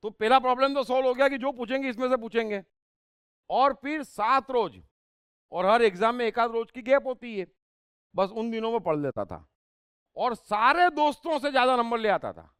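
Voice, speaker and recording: High, animated man giving a spiritual talk. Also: moderate pace, clean tone, no echo, clean studio sound. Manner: emphatic, with rhetorical questions. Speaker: spiritual speaker and life coach. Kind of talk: spiritual discourse.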